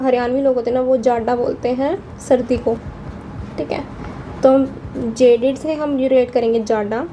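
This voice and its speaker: A woman's voice: fairly high pitch, dark tone, slight background noise. A young woman teaching vocabulary in a casual Hinglish lesson, chatty and often checking in with her students. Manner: chatty, checks in with frequent "theek hai".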